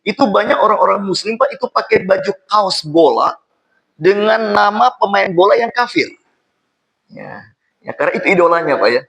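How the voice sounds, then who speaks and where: A man's voice: high voice, animated, normal speed, creaky, fairly bright tone, rough recording. A man preaching an informal sermon to a congregation, repeating phrases and often addressing his listeners directly.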